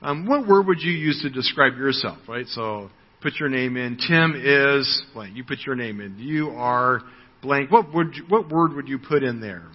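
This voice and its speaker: A man's voice: medium pitch, animated, normal speed. American man in his sixties preaching in a hall. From United States. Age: 60s. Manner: conversational, frequent "right?", repeats words when starting. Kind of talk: sermon. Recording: dull audio with long hall reverb.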